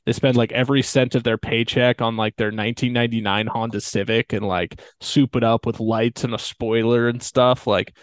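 A young man in casual podcast chat, ranting with sarcastic mock quotes. His mid-pitched voice is recorded close and dry, with no room sound. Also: steady tone, moderate pace, few pauses, no echo. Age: young adult. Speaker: podcast co-host.

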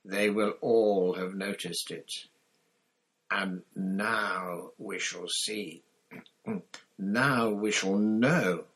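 A man doing a cold, mocking dark wizard out of a storybook, low-pitched and husky. He hisses softly and draws out his words, then lifts into sharper, louder taunts. The menace stays quiet and controlled. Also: extremely slow, heavily acted. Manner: soft, hissing menace with sudden rises. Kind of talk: audiobook character voice.

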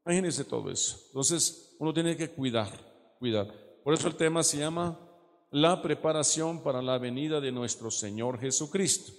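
A man preaching a Bible teaching sermon, explaining patiently, often checking with "¿verdad?" and slowing down to read verses. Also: a little high, in a large hall. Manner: explanatory, frequent "¿verdad?" tag questions, slows to read verses.

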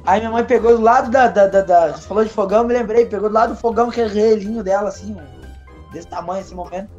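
A man's voice: sits high, fast. A man from Paraná, telling a childhood story in a casual podcast chat, acting out the voices in it. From Paraná, Brazil. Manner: animated storyteller, acts out voices in anecdotes. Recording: dull recording with faint music.

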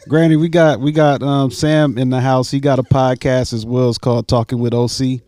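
Man podcast host, mellow tone, easygoing and rambling, dry close sound. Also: medium pitch, normal speed, no echo. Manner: easygoing, laughs often, rambling. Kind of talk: casual podcast chat.

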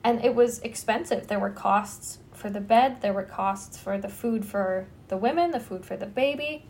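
Young woman, podcast host, casual storytelling, middle pitch, faint background hiss. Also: moderate pace, a little mellow. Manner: conversational storytelling, frequent "like" fillers. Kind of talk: casual true-crime chat.

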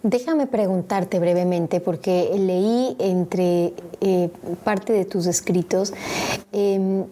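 Mellow-voiced woman asking long questions. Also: fairly low pitch, fairly even intonation, slow. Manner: long winding questions with fillers. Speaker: interviewer. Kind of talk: interview questions.

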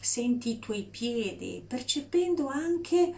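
A woman guiding a breathing meditation in a slow, soft, soothing voice with long pauses. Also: fairly high pitch, sing-song, vocal fry. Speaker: meditation guide.

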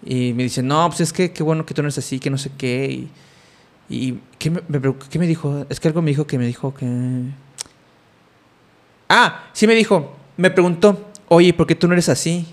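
A man's voice: fairly high pitch, moderate pace. A young man with a Mexican Spanish accent, telling a story in casual chat, rambling with many fillers and restarts.

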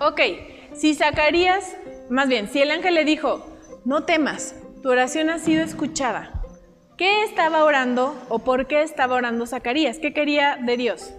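A young woman leads a church Bible lesson, keeping it animated by asking her listeners questions. Her voice sits high. It rings with the long reverb of a hall, and faint music plays underneath. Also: normal speed. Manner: animated, asks the group questions. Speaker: Bible study teacher.

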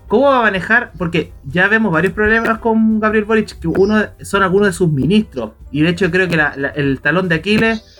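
A man hosting a political chat, recalling past events in a measured way and asking the others for their views. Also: high-pitched, bright, forceful tone.

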